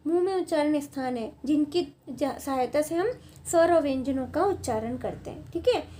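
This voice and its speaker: A woman teaching a grammar lesson at a board, patient, often checking in with her students and repeating points slowly. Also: high voice, expressive, mellow, a little hiss or hum. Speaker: Sanskrit teacher.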